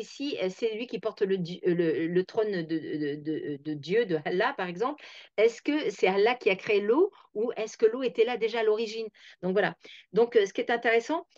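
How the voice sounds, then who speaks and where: A woman's voice: medium pitch, darkish tone, dry recording. A woman hosting a reflective talk, thinking aloud with many fillers and restarts. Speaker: host. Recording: dull, dry lo-fi sound.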